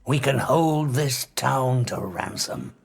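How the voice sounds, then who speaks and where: A man playing a menacing, paranoid megalomaniac scientist who has turned invisible, grandiose and deliberate in an audio drama. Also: mid-range voice, expressive, creaky, slightly rough, exaggerated voice. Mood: grandiose menace.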